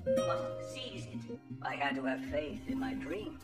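A grandiose male screen idol in an animated film. He speaks with theatrical passion and huge pitch swings. The echoey sound has loud music underneath. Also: a little slow, far from the mic. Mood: impassioned. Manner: theatrical, impassioned. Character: grandiose, confident male film-star singer. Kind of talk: old movie melodrama within animated film.

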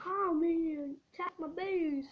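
A woman's voice: very high voice, takes it slowly. A woman playfully taunting her friend during a video game. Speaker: gamer. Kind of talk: casual chat while gaming. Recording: lo-fi with faint noise.

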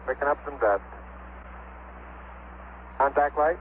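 A man's voice: medium pitch, slow pace. Man calling out over crackly space radio. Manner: clipped, matter-of-fact radio callouts. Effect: archival space mission radio transmission. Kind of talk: mission radio communication. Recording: muffled radio band with faint hiss.

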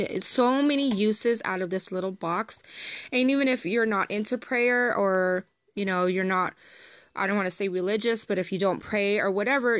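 A woman with a raspy voice, chatting in a rambling, friendly way straight to her viewers in a casual haul video. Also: medium pitch. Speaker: haul vlogger.

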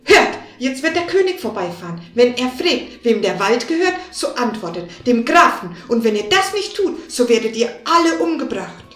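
A woman voicing a cunning, flattering male cat in a fairy-tale audiobook, talking eagerly. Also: fairly high pitch, normal speed, hardly any pauses. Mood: commanding. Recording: roomy with faint music behind.

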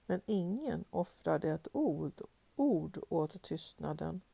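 A woman reading poetry aloud in a measured, rhythmic recitation with repeated refrains. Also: fairly low pitch, creaky, dark tone, dry recording. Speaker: poetry reader.

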